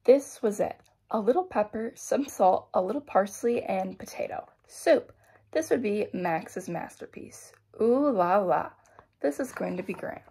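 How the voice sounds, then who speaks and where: A woman's voice: medium pitch, lively intonation, a little slow, dark tone, slightly rough. A woman voicing a proud, fussy male duck chef who talks theatrically with mock Italian flourishes.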